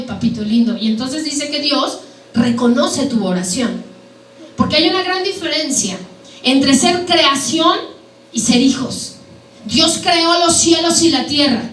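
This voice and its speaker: Woman preacher, high voice, echoey hall, sermon with questions to the congregation. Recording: echoey hall, mic at a distance, faint background noise.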